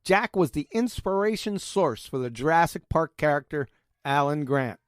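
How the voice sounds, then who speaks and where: Smug, sarcastic high-pitched man. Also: animated, moderate pace, no echo, clean studio sound. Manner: smug, sarcastic mockery with name-calling. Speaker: video commentator. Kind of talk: mocking commentary on played clips.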